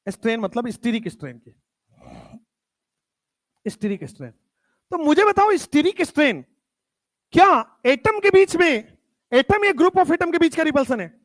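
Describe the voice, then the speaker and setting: A man teaching chemistry in a lecture, stressing key terms and repeating them, his voice dropping low whenever he states a definition. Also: big pitch swings, moderate pace, long pauses, a bit bright, no room sound. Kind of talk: classroom lecture.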